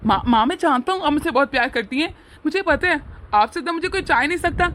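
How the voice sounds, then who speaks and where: A woman voicing a young married son who earnestly pleads with and lectures his family in an animated family drama. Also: high voice, fast talker, a little hiss or hum. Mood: soothing.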